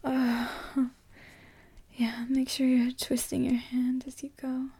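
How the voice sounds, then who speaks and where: A woman in an intimate, erotic whispered ASMR role-play for one adult listener, breathy and halting, speaking right in the ear. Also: high voice, monotone, warm tone, no room sound. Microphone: very close microphone, dry.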